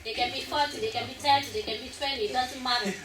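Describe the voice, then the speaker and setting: A young African woman, both playwright and actress, speaks earnestly and at length to the audience in a post-show Q&A after a stage play. Her voice is high-pitched and steady, and she talks quickly. The recording, made in a college theater hall, is echoey and noisy, with her far from the mic.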